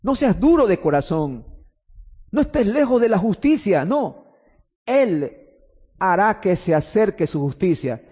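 High-voiced man preaching in a reverberant hall. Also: sing-song, slightly rough. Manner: impassioned preaching, swinging from loud exclamations to hushed drawn-out phrases. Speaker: pastor. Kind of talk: sermon.

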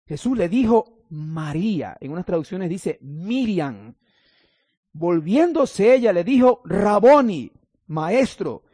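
High-voiced male pastor preaching. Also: expressive, a little slow, few pauses, warm tone, slightly rough, dry recording, studio quality. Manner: reads scripture then explains it, with playful asides to the congregation. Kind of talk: sermon.

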